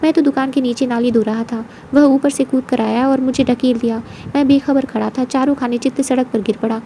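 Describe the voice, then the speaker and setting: A woman voicing a flattering, talkative male servant who bows and scrapes to his mistress. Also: high voice, a little fast, slight background noise. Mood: fawning. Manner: obsequious, keeps addressing his mistress as huzoor.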